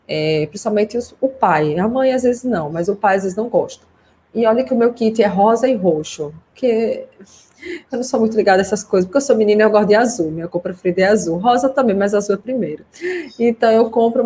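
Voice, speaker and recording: A woman who is both host and speech therapist gives a casual, reassuring consultation over a video call. Her mid-range voice is dark and husky, and she talks freely and chattily, with lots of fillers like "né".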